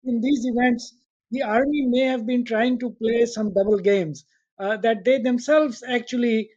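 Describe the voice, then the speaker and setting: Male interviewer, mellow and unhurried, slightly lo-fi remote sound. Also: very high-pitched, fairly even intonation. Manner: measured, hesitant questioning. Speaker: podcast host. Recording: dull, muffled remote audio.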